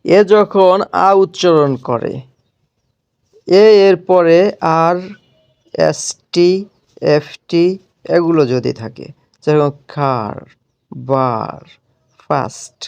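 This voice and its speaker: A man teaching English pronunciation to his students, speaking slowly and deliberately and listing example words one at a time. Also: fairly high pitch, darkish tone, clear, resonant tone, muffled recording. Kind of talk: pronunciation lesson addressed to students.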